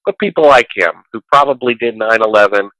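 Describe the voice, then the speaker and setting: A man's voice: lowish voice, a little fast, sharp tone, no echo, low-quality recording. A man in a casual conversation as a guest, talking in a preachy, rambling way and quoting scripture.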